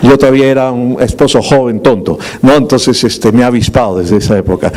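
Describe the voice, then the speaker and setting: A man's voice: mid-range voice, fairly quick, a little mellow. A middle-aged male pastor delivering a sermon in a conversational way, with humorous asides and frequent rhetorical questions.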